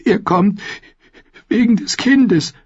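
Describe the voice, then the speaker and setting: A man's voice: sits high, takes it slowly, darkish tone, slightly rough, dry recording, lo-fi sound, voice pushed up, heavily acted. A man voicing a frightened young mother who speaks in an urgent, sobbing way. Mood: fearful sobbing. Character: frightened young mother clutching her baby.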